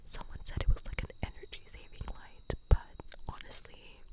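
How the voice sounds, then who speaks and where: A young adult woman whispers a rambling, informal ASMR storytime close to the ear in a breathy, clicky, unvoiced whisper with a mildly exasperated manner. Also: normal speed. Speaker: ASMR creator telling stories. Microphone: close ASMR stereo mic at the ear.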